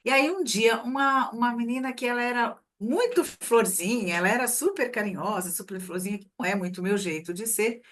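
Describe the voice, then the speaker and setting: A middle-aged woman, a guest expert, talks through workplace communication in a relaxed interview, explaining her ideas with everyday examples. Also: on the high side, brisk, hardly any pauses. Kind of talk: conversational interview.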